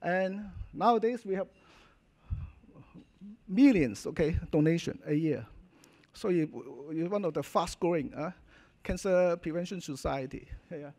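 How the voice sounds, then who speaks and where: A man's voice: on the high side, lively intonation, a little slow, pauses often, mellow. A middle-aged man with a Hong Kong Cantonese accent giving an informal conference talk as a doctor, emphatic, in short choppy phrases ending in little check-in tags. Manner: choppy short phrases with frequent "okay?" and "you know" tags. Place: hotel function hall, at a podium.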